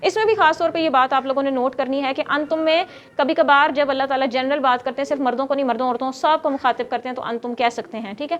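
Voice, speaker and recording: A woman's voice: sits high, muffled recording. A woman teaching a grammar class who explains step by step, quizzes her students and scolds them when they get noisy.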